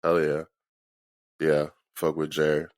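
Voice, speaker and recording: A man's voice: rumbling low, completely flat delivery, takes it slowly, dry recording, studio quality. A hungover man chatting casually as an interview guest, laid-back and slangy, swearing freely. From Philadelphia. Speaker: interview guest, band musician. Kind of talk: casual chat.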